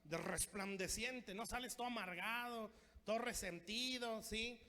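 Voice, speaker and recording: A man preaching a sermon at a church marriage workshop, constantly asking the congregation for agreement and switching between quick bursts and slow, emphatic lines. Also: sits high, sharp tone. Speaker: pastor. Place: church hall. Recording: long hall reverb.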